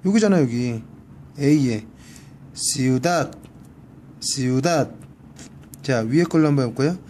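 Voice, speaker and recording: A man's voice: medium pitch, expressive, a little fast, mellow, slight background noise. A man teaching a one-on-one Spanish grammar lesson, patiently repeating each word for practice. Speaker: Spanish tutor. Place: library.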